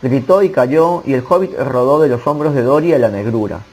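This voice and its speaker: A man narrating an audiobook in a steady storytelling manner. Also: medium pitch, brisk, rough recording. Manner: steady storytelling reading, occasional slips. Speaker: audiobook reader.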